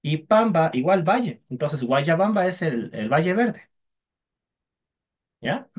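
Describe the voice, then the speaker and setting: A man's voice: on the high side, sing-song, slow, slightly rough. A man teaching a language class online, patiently drilling sounds for students to repeat.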